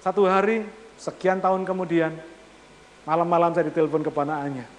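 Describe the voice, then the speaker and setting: A man's voice: a little high, brisk, slight background noise. A man preaching a sermon, often putting rhetorical questions to the congregation and mixing formal speech with casual slang. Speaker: pastor. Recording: long hall reverb.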